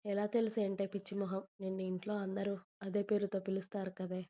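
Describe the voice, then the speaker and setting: A woman's voice: mid-range voice, completely flat delivery, fast, dark tone, close to an everyday voice. A woman voicing a young man, an affectionate boyfriend who teases and coaxes his girlfriend in a storybook reading. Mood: tender. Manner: teasing, coaxing.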